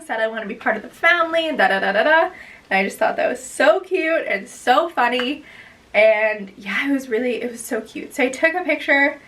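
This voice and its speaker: Bright, bubbly young woman telling a story. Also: sits high, recorded from a distance, low-quality recording. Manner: bubbly and gushing, chatty rambling. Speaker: vlogger. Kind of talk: casual storytelling chat.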